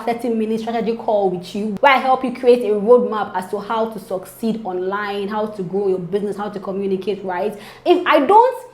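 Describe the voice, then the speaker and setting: Chatty woman coaching viewers in a roomy studio. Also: a little high. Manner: chatty, persuasive, keeps asking "do you understand?". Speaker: branding coach and channel host. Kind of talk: direct-to-camera business vlog. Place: her home studio.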